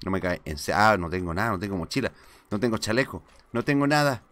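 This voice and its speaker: A man streaming live gameplay, talking excitedly to himself and greeting his chat. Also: low-pitched, quick pace, slight background noise.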